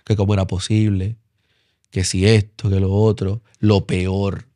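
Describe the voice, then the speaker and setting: A male pastor with a Puerto Rican Spanish accent, telling his story in an interview, earnest and repetitive, his voice sinking low and soft when moved. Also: little pitch movement, a little slow, no echo, studio quality.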